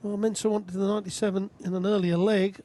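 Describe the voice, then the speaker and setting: A man's voice: high-pitched, little pitch movement, quick pace, mellow. A man giving conversational, analytical live darts commentary as a co-commentator. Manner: analytical, addresses his co-commentator.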